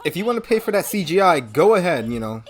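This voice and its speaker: A woman giving casual, expressive reaction commentary as the host of a video, often exclaiming. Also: on the low side, quick pace.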